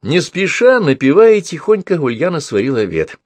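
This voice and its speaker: A man narrating a story in a measured, expressive reading voice. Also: a little high, no room sound.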